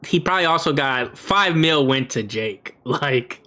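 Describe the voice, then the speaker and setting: Higher-voiced man chatting about movies. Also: animated, a little slow, bright, forceful tone, slight background noise. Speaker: podcast co-host reviewing movies. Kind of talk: casual movie discussion.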